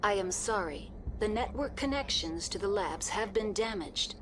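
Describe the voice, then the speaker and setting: A woman gives scripted video game lines as a polite, unemotional AI managing a research station, making formal, procedural announcements. Her medium-pitched voice is expressive and close to everyday speech, at normal speed, calm and impassive, with noise in the background.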